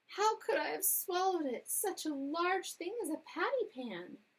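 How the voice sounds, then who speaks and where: A woman's voice: very high-pitched, expressive, a little slow, voice pushed up, exaggerated voice. A woman voicing an anxious, genteel lady dog in a storybook reading, polite and moaning. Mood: fretful.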